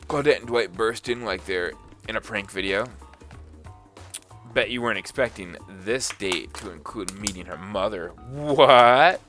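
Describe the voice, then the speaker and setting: A man's voice: fairly low pitch, normal speed, a bit bright, soft background music. A young man reading a dating game aloud, joking and doing voices as he plays. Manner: jokey, reads dialogue in voices. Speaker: gaming YouTuber.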